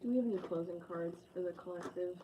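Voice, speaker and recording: A chatty tarot reader in her late twenties does a casual reading to camera, effusive and sentimental. Her voice sits on the low side, fast with a dark tone, over a low-quality recording with a little hiss or hum.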